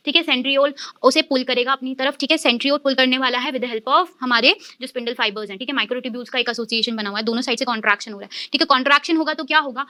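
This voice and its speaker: Brisk Indian woman teacher, high and bright, explains step by step to her students. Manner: explains step by step, keeps checking with "ठीक है"; addresses students as children. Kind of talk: recorded online class lecture.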